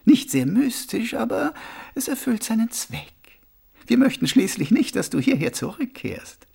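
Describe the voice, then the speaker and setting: A male narrator voices a serene old monk who sweeps floors for pennies, using a very high, gravelly, husky voice pitched well above his own, heavily acted and very animated. The audiobook character takes his time over every phrase, sounding calm, gently amused, and soothing as his voice swoops up and down.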